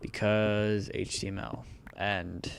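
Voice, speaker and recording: A gravelly, fairly low voice belongs to a young man who hosts gaming videos, and he talks slowly and in a level tone. He rambles casually through his commentary, chatting and fixing himself mid-sentence into a desktop mic in a home room with a fan running faintly behind him.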